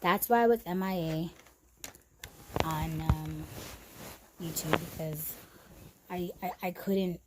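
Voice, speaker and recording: With background noise behind her, a low-pitched young woman vlogs frankly about a rough patch, repeating things and occasionally on the verge of tears. Her speech is soft and quiet, scattered with fillers and restarts. It's an emotional personal story vlog.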